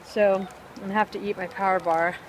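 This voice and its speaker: A woman chatting casually to her vlog viewers outdoors by a river, upbeat and excitable, with lots of "like" and "um" fillers. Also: medium pitch, a little fast, slight background noise, rough recording. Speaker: vlogger.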